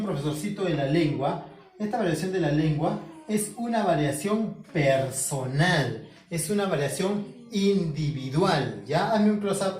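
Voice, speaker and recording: A man teaching a home-schooling language lesson, explaining slowly, repeating key words and asking himself questions as the student would. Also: high voice, darkish tone, recorded from a distance. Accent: Peruvian Spanish. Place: home room. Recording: echoey room, voice from off the mic.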